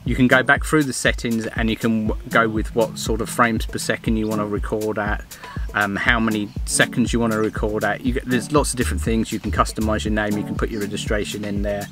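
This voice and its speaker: A man's voice: on the low side, little pitch movement, fairly quick, hardly any pauses, over music. Easygoing middle-aged man reviewing gear. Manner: rambling, restarts often, plain and friendly. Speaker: vlogger reviewing a dash cam. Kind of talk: casual product review.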